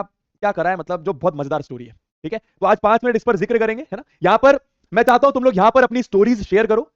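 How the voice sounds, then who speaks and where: Young man, high voice, rapid talk, teasing and slangy, casual live class chat. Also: dry recording. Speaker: online class teacher. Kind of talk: casual live chat reading viewer comments. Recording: dull, dry sound.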